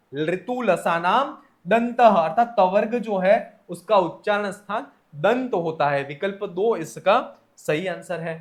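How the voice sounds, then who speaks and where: A man teaching a Sanskrit grammar lesson, reading out each exam question and then explaining the answer step by step. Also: high voice. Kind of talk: exam test solution lecture.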